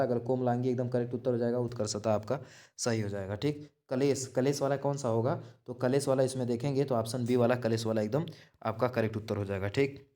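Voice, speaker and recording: A man's voice: mid-range voice, dark tone. A man teaching exam-prep material, running through multiple-choice answers, repeating key terms and checking in with the listener, often restarting and correcting himself mid-word. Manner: repetitive, checks in with "theek hai". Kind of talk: explaining quiz answers.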